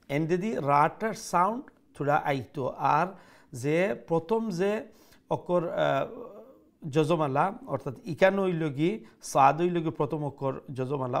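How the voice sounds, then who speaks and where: Slow, gravelly male recitation teacher. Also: a little high. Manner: explains letter by letter, then chants the verse; switches between Bengali and English explanations. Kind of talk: live TV recitation lesson.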